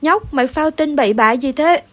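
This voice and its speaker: A woman voicing a sharp-tongued mother hen who scolds, in a storybook reading. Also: high-pitched, moderate pace, close to an everyday voice. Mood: scolding.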